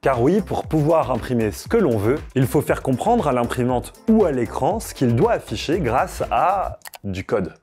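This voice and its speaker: A man's voice: mid-range voice, sing-song, moderate pace, hardly any pauses, mellow, soft background music. A man hosting a tech explainer, narrating a script with playful, jokey asides to the viewers. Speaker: host of a tech channel.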